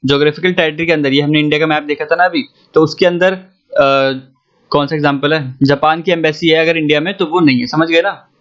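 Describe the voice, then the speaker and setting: A man's voice: fairly high pitch, fairly even intonation, a little fast, a bit bright. Young man teaching economics, lo-fi sound. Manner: chatty, asks students if they follow. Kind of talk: casual online economics lesson. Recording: dull lo-fi audio.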